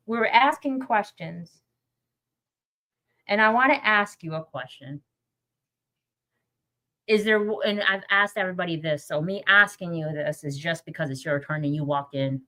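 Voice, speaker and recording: A woman's voice: fairly low pitch, unhurried, long pauses, a bit bright. Informal, coaxing woman podcast host. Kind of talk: casual group conversation, asking questions.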